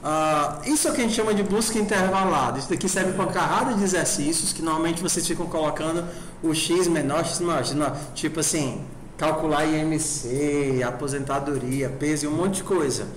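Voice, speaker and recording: A man with a fairly high voice lectures a programming class, speaking fairly quickly and informally. He constantly checks in with the students through quick questions. The recording is roomy, with faint background noise.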